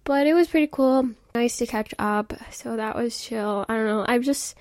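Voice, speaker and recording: On her podcast, a woman in her mid-twenties rambles casually about self-care at a moderate pace, her voice fairly high and darkish. She talks in a youthful, relaxed way. The audio is studio quality with no echo.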